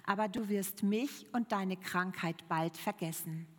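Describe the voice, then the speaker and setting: Life as a patient, measured healer, voiced by a woman preacher; slow, long hall echo. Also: medium pitch, lightly acted. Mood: calm.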